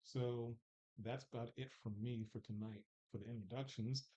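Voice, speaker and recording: A man's voice: medium pitch, steady tone, moderate pace, mellow, highs cut off. A man in his forties hosting a live dating panel show in a loose, joking way, with filler words and restarts. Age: 40s. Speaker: host.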